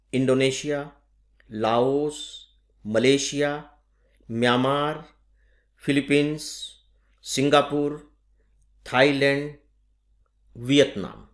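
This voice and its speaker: A man from India teaching a current-affairs class for exam students, explaining step by step and asking rhetorical questions. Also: medium pitch. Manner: lively emphasis, slowing down on key terms. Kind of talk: exam-prep lecture.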